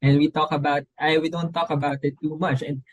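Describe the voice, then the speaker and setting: A man's voice: fairly high pitch, little pitch movement, fairly quick, no echo, highs cut off. Filipino man, thoughtful and dry. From Philippines. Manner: thoughtful, hesitant with many ums. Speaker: guest author. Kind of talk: casual interview talk.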